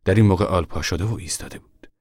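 A man giving scripted narration for a radio drama in a measured, steady way. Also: sits low, no room sound, clean studio sound.

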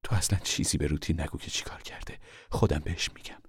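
A man voicing a weary, worried mother who speaks softly and often whispers, in an audiobook reading. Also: low voice, animated, slightly rough, no echo, clean studio sound, exaggerated voice. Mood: worried hush. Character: tired worried mother, gentle and firm. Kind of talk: audiobook character voice.

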